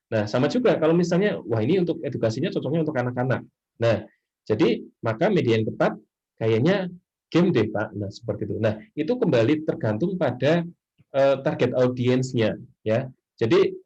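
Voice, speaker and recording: A man's voice: medium pitch, warm tone, husky. A middle-aged man from Indonesia giving a casual university lecture, chatty and full of fillers. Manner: chatty, many fillers, often trails off with "nah, seperti itu". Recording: dull lo-fi sound.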